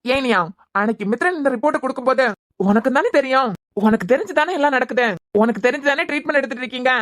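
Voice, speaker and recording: A woman's voice: high voice, no echo, studio quality, natural voice. A woman playing a defensive, anxious young husband in a cartoon serial, with a Kanyakumari Tamil accent. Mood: flustered. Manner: rapid, anxious pleading.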